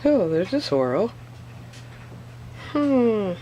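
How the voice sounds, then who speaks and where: A woman's voice: medium pitch, sing-song, very slow, warm tone, slight background noise, low-quality recording. A woman chatting casually as she narrates her own craft video, musing to herself in short, offhand phrases. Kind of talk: casual craft vlog chat, thinking aloud.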